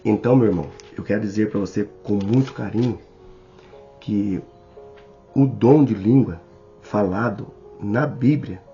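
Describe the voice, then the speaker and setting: Brazilian guy teaching the bible slow, low mellow gravelly voice, kinda dull recording w faint music under. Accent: Brazilian Portuguese. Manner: slow and deliberate, addressing the listener directly. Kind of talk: sermon-style Bible study.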